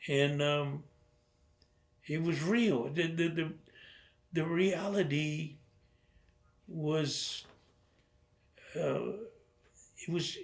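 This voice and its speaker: A man's voice: fairly high pitch, steady tone. Older man telling war stories. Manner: storytelling, acts out quoted dialogue, halting restarts. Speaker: interviewee, veteran. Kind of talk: oral history interview.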